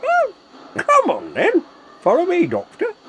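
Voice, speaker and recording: A man's voice: very high-pitched, huge pitch swings, measured pace, very noisy, heavily acted. A man playing a flustered, blustery old Santa Claus in a radio play. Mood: obliging.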